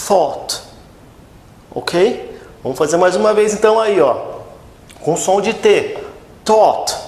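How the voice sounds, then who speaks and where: Slow-drilling Brazilian English teacher, echoey room. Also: male voice, a little mellow. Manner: slow, repeats words for drilling, frequent "tá?" and "ok?" checks. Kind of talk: pronunciation lesson. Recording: echoey room with faint rumble.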